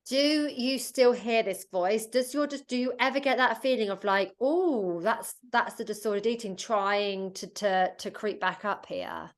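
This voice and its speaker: A woman's voice: mid-range voice, moderate pace, hardly any pauses. A woman hosting a podcast, asking loosely phrased questions in a chatty, conversational way. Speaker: podcast host. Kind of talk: conversational interview.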